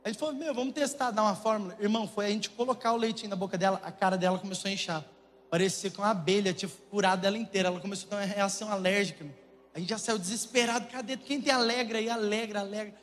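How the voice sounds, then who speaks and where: A young man with a Brazilian Portuguese accent, preaching a humorous sermon and telling jokey, animated stories to a congregation in a church. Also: sits high, very fast. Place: church auditorium. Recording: long church hall reverb, faint noise.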